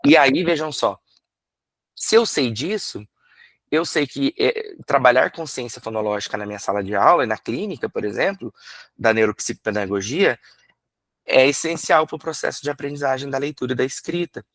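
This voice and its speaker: A man from Brazil, a literacy teacher, explaining in a workshop lecture, asking himself rhetorical questions and sounding out syllables slowly. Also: mid-range voice, lively intonation, a bit bright, dry recording.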